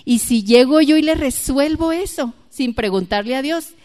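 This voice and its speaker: A woman's voice: high voice, animated, moderate pace, darkish tone. Woman preaching in a reverberant hall. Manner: conversational, asks the congregation questions. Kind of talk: sermon.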